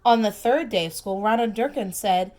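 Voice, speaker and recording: Reading a picture book to small children, a medium-pitched woman, a preschool teacher, uses slow, emphatic, expressive delivery. She breaks in with easy comments and questions aimed at the kids.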